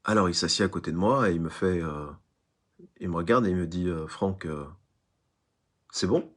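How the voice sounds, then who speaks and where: A man's voice: low-pitched, quick pace, a bit bright. A man giving an online spiritual lecture, emphatic, who repeats phrases and tells little stories. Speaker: spiritual teacher.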